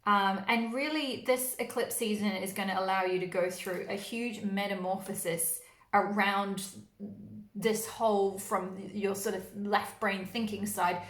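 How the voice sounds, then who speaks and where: A woman's voice: mid-range voice, fairly even intonation, a little slow, fairly bright tone. A woman from New Zealand with a New Zealand accent, giving a casual, rambling tarot reading with many fillers and restarts. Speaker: tarot reader. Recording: roomy echo.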